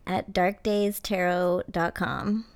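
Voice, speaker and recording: A woman's voice: on the low side, fairly even intonation, takes it slowly, clear, resonant tone. A woman chatting casually as a podcast guest, laughing often. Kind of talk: casual chat.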